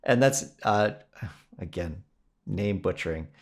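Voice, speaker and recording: A man's voice: low voice, animated, slow, creaky. A man co-hosting a podcast in casual chat, enthusiastic and rambling, laughing often. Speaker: podcast co-host.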